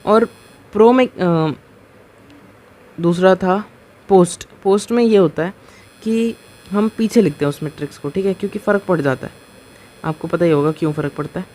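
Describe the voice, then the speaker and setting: A man's voice: high voice, a little mellow. Patient man lecturing step by step. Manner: keeps asking rhetorical questions and checking with "ok?"; patient and step-by-step, slowing on key terms. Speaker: maths teacher. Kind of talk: board lecture explaining a proof.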